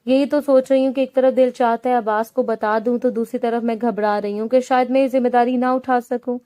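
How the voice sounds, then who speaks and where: A woman's voice: on the high side, steady tone, warm tone, smooth, lightly acted. Woman reading as an anxious young wife. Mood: worried. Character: young married woman, anxious university student.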